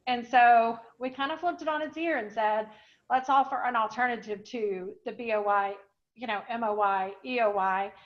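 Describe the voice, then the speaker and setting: A woman presenting an online software webinar, explaining in a chatty way with many fillers, a little out of breath. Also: fairly high pitch, moderate pace. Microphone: video call. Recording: dull lo-fi online call audio.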